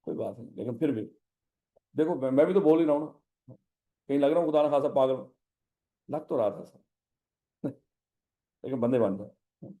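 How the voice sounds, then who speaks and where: A man's voice: medium pitch, moderate pace, pauses often, mellow. A man with a Pakistani Urdu accent teaching a class, repeating questions and teasing his students affectionately. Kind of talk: classroom lecture.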